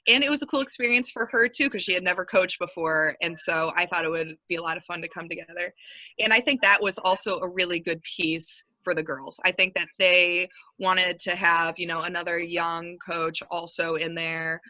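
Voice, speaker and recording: A woman's voice: lowish voice, steady tone, moderate pace, pushed and bright, no room sound, low-quality recording. A young woman in her twenties, a basketball coach, talking casually and upbeat in an interview, rambling with lots of fillers.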